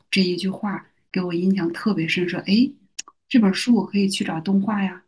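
Woman, middle-aged, husky voice, mid pitch, podcast guest, reflective storytelling, soft-spoken, frequent restarts. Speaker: podcast guest, university teacher. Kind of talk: conversational storytelling.

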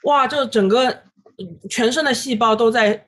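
A woman in her thirties, a guest illustrator on a podcast, recounting her story in an animated way with many fillers and English words dropped in. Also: a little high, moderate pace, slight background noise. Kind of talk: casual podcast interview.

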